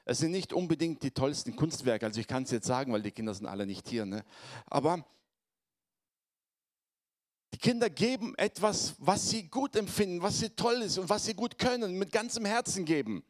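A pastor with a cold delivers a sermon, his voice hoarse as he talks conversationally and keeps checking in with the congregation through tag questions. He speaks briskly, in a fairly high, sing-song voice.

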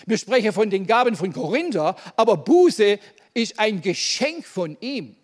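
Male preacher, high voice, fervent sermon delivery with Amens, big reverberant church hall. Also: sing-song, a little slow. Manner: emphatic preaching with Amens and questions to the congregation.

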